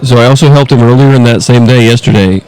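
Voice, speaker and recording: A man co-hosting a podcast in casual chat, telling stories in an unhurried way. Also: mid-range voice, a little mellow, clear, resonant tone. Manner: unhurried, storytelling delivery. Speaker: podcast co-host.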